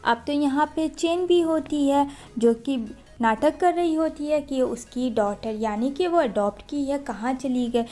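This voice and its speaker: Woman narrator, high voice, lively conversational retelling, drama recap. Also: a little slow.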